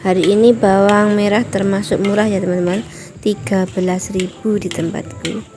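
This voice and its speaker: A woman's voice: medium pitch, level tone, moderate pace. A woman hosting a home cooking tutorial in her kitchen, chatting to viewers as friends and explaining each step. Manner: apologetic, explanatory asides. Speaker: home cooking channel host. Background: distant loud music from a rehearsal.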